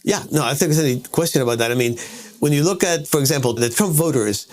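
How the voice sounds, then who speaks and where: A man's voice: on the high side, lively intonation, quick pace, darkish tone. A man being interviewed as a guest author, explaining his ideas at length and often repeating himself and checking in with "all right?". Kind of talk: conversational interview answers.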